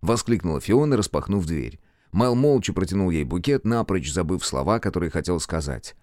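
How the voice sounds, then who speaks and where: Male audiobook narrator, lowish voice, swinging intonation, expressive, dry close mic. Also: moderate pace, dry recording. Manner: expressive storytelling. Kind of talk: scripted narration.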